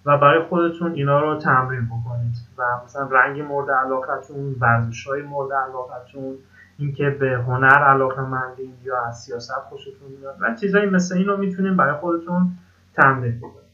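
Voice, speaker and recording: A man in his thirties from Iran teaching a beginner English grammar lesson from slides, slowing down to stress each English example. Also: on the high side, dull audio. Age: 30s.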